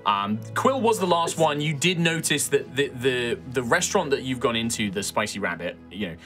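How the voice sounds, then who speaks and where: A man's voice: mid-range voice, sing-song, normal speed, fairly bright tone, faint music behind. A man improvising narration as game master of a tabletop game, addressing the players conversationally.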